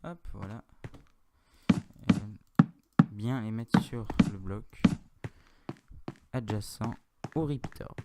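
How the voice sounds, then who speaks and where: A man's voice: lowish voice, slow, long pauses, very noisy. A man with a French accent giving a casual, rambling game tutorial, correcting himself and chatting in asides. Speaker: Minecraft tutorial youtuber. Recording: audible mouse and keyboard clicks.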